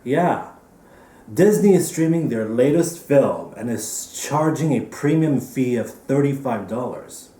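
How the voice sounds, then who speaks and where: Slow, deadpan man hosting an awards show. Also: medium pitch, roomy sound, far from the mic. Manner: dry, deadpan topical jokes. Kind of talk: comedic opening monologue. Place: at home, recorded for a virtual ceremony.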